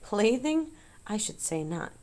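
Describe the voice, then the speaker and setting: A woman voicing a wise female spider who is weak and fading, speaking softly and slowly in an audiobook. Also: on the low side, animated, vocal fry. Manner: soft, slow and tired. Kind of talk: audiobook character voice.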